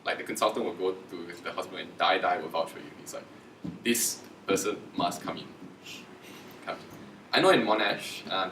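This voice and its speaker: A man's voice: sits low, background noise. Chatty man, echoey lecture room. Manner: chatty, acts out quoted dialogue in raised voices. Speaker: junior doctor giving a career talk. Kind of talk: casual presentation to students. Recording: echoey room, distant from mic.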